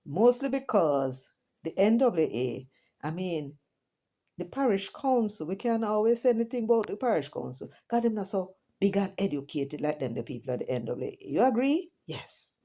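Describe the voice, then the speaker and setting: A very animated middle-aged Jamaican woman, medium-pitched and mellow, addresses her viewers at a moderate pace. It's casual vlog commentary where she alternates patois and English, full of chatty asides.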